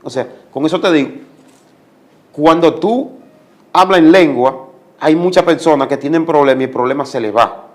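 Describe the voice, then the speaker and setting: A man's voice: fairly high pitch, moderate pace, pauses often. A man giving a religious testimony as a guest, speaking like a preacher and repeating commands for emphasis.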